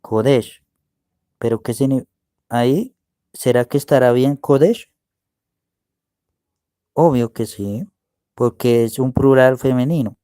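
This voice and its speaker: Guy slowly going over bible words, mellow voice, dry close mic. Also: medium pitch, smooth, dry recording. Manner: slow, explaining, asks "¿ve?" often. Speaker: preacher teaching Hebrew words. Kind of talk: screen-share Bible word study.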